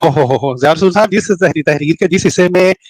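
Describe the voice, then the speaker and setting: A man with a fairly high voice answers in a live-stream debate, measured and hesitant, dotting his replies with soft affirmations. The sound is dry and close. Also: no room sound. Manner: measured, hesitant, many "ji, ji" fillers. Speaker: debate participant answering questions.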